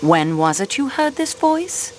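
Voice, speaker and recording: A composed French investigator, measured questions, faint hiss behind. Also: female voice, high voice. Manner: calm, formal questioning. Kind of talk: video game voice acting.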